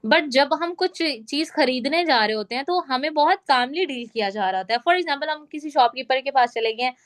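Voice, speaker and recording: A woman leads a training session over a call. Her voice sits high, and she explains step by step, often asking whether everyone is following. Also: animated, moderate pace, a bit bright. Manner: instructive, repeats check questions. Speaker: sales trainer. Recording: call audio.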